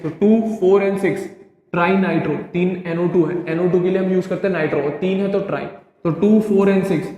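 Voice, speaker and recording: A male chemistry teacher, lecturing an online class. He keeps asking students if things are clear and answers his own questions. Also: high-pitched, darkish tone, highs cut off. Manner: drilling, asks questions and answers them himself. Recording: very echoey classroom with long reverb.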